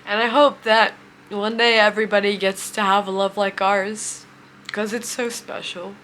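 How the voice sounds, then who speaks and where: A woman in her twenties telling a heartfelt personal story, emotional and near tears, speaking haltingly. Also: medium pitch, flat delivery, noisy background. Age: 20s. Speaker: vlogger.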